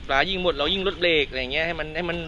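A father coaching his son through catching a fish outdoors at a pond, urging him on with quick repeated cheers. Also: on the high side. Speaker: father and fishing vlogger. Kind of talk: excited outdoor commentary while coaching. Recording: loud outdoor noise at a pond.

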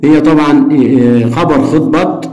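A man with an Egyptian accent, teaching Arabic. He reads a textbook passage aloud, then works through the answer choices with drawn-out "aah" fillers. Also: a little high, steady tone, warm tone. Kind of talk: reading a textbook aloud and explaining exam answers. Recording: echoey room.

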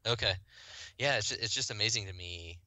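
With a fairly low pitch and a moderate pace, a man from the US Midwest describes his software company's product as a guest on a podcast. His tone is bright and forceful, his delivery fluent, enthusiastic and casual with some restarts, and the audio has no echo.

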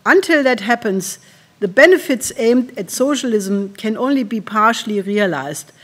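German-accented woman in her 60s at a podium mic, earnest keynote, keeps clearing her throat and restarting. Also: on the high side, animated, moderate pace, fairly bright tone. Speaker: keynote speaker. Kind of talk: conference keynote speech. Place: large conference hall with audience. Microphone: podium microphone.

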